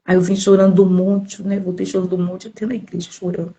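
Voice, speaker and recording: A woman's voice: fairly low pitch, level tone, fast talker, warm tone, dull audio. A woman from Brazil preaching and giving her testimony, emphatic and repeating words for stress. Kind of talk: sermon testimony.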